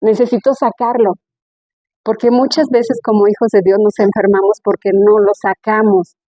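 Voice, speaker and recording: Woman speaker, conversational sermon, mid-pitch, animated storytelling, dull dry lo-fi sound. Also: normal speed, no echo. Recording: dull lo-fi recording.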